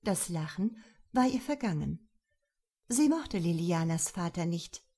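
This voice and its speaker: A woman narrating a novel in an expressive, lively reading voice. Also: on the low side, unhurried, husky. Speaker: audiobook narrator.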